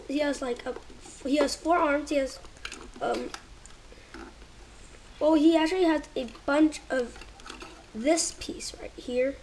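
At home, a woman with a high-pitched, slightly mellow voice casually reviews toys, halting and searching for words. She sometimes drops to a near whisper while handling pieces, and the close-held handheld camera picks up a little hiss or hum.

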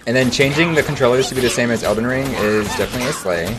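A young man streaming a game, chatting casually with viewers in an animated, slangy way. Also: medium pitch, very fast, background noise. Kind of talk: casual livestream chat.

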